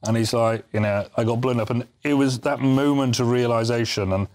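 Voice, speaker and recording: A man's voice: medium pitch, brisk, a little mellow. A man from Britain, a charity volunteer guest, telling a story in a chatty, anecdotal way. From United Kingdom. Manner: chatty, anecdotal, with restarts and asides. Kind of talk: casual interview storytelling.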